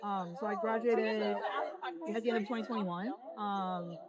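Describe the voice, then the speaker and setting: A woman in her twenties, from South Korea, thinks aloud in a casual outdoor interview, pausing on ums and likes. Her voice sits at an ordinary middle pitch. City crowd chatter runs clearly behind her. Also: steady tone. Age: 20s. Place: outdoors on a busy city street. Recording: crowded street noise behind.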